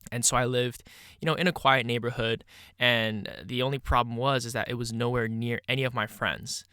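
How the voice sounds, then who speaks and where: A man's voice: medium pitch, fairly even intonation, a little fast, pushed and bright, smooth, no room sound, studio quality. A man of twenty-one with a stuffy nose hosting his own podcast, talking casually and reflectively with lots of "you know" fillers. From Canada. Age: 20s. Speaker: podcast host. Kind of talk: solo podcast monologue.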